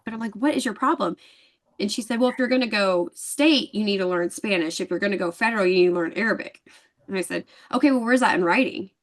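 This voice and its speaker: A woman speaking quickly in a casual interview. She tells her story with energy and voices the people in it as she goes. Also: mid-range voice. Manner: animated storyteller acting out dialogue. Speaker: guest.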